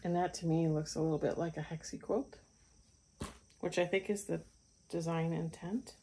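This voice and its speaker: A woman's voice: deep voice, fairly even intonation, moderate pace, warm tone, a little hiss or hum. A middle-aged woman hosting a stitching vlog, chatting casually about her craft purchases with frequent ums and restarts. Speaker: craft channel host.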